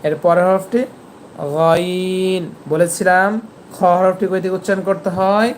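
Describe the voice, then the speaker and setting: A Quran teacher giving an online lesson, patiently explaining where each letter is pronounced and repeating the sounds slowly, over a video call. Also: medium pitch, steady tone, slight background noise.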